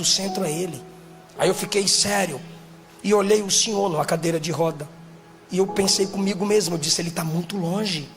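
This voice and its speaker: A man, a pastor, preaching a sermon, shouting and half-singing his appeals and then telling stories quietly. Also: high-pitched, creaky. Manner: shouts and half-sings exhortations, then drops to quiet storytelling. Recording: music playing behind the voice.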